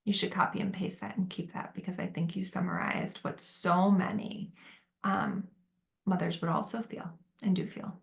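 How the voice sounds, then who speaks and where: A woman facilitating a group discussion on motherhood, gentle and validating, with many fillers. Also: fairly low pitch, little pitch movement, moderate pace, creaky. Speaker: workshop facilitator.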